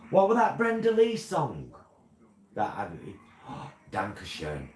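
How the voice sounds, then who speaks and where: A British man hosts a live make-up stream from an indoor room, chatting casually in the campy, theatrical, endearing style of a drag queen. His voice sits high with a darkish tone and huge pitch swings, and he takes his time. The recording has roomy echo and clear background noise.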